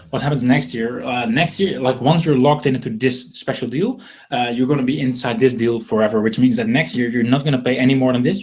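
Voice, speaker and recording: A man from the Netherlands, Dutch-accented, runs a relaxed live webinar pitching marketing software. His medium-pitched voice has a darkish tone, and he rambles, repeats points and makes self-deprecating remarks.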